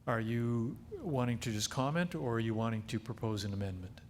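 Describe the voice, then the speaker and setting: A man chairing an assembly, brisk and procedural as he calls on speakers. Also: medium pitch, slight background noise. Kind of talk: chairing a meeting.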